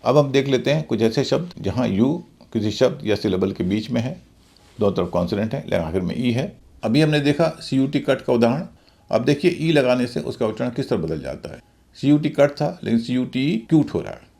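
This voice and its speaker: A man's voice: medium pitch, animated, a little fast, vocal fry, darkish tone. A middle-aged man teaching English pronunciation, spelling out words letter by letter and explaining the rules step by step. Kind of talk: Hindi-language English lesson.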